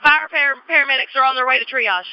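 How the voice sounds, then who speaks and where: A woman's voice: sits high, fast talker, background noise. A woman police officer making clipped radio calls with radio codes, heard over a two-way police radio. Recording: muffled dry radio audio.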